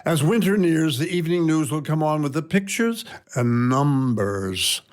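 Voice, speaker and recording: A man's voice: fairly high pitch, lively intonation, measured pace. An older man reading his own personal essay aloud in a wry, reflective storytelling manner. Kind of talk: scripted personal narration.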